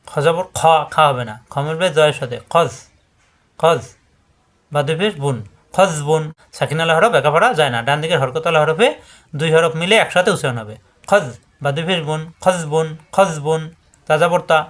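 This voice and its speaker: A man's voice: fairly high pitch, fairly quick, a bit bright. A man teaching Quran letter pronunciation. He drills syllables in repeated chanted patterns, corrects wrong forms and tells viewers what to watch for. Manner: addresses viewers directly with instructions. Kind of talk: step-by-step letter pronunciation lesson.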